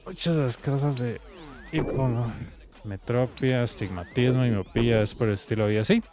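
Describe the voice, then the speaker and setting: Young Costa Rican guy streaming a game, mid-pitched, laid-back storyteller who swears a lot, soft music underneath. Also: normal speed. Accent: Costa Rican Spanish. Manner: loose, rambling storytelling with frequent swearing. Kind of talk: casual chat with viewers while playing.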